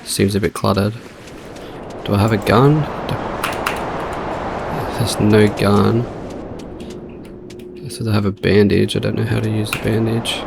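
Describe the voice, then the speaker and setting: A young man with a heavily gravelly, low voice talks casually over a screen recording as he plays, thinking aloud in a laid-back way. He speaks into a desk mic at his computer, and a clear noise hum sits under the voice. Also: little pitch movement, a little slow, pauses often. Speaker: channel host testing AI models.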